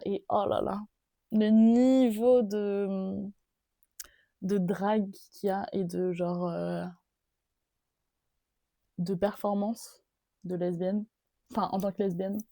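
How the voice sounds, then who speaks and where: Gravelly, dark-voiced young woman rambling. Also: on the low side, no room sound, clean studio sound. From Paris. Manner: rambling, hesitant, many fillers and restarts. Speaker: podcast host. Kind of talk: casual solo podcast chat.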